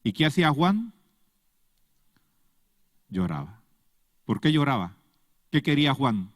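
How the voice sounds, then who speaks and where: A man's voice: medium pitch, big pitch swings, slow pace, no room sound, clean studio sound, long reverb tail. A man preaching a sermon to a congregation, pressing them with rhetorical questions. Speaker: pastor. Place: church.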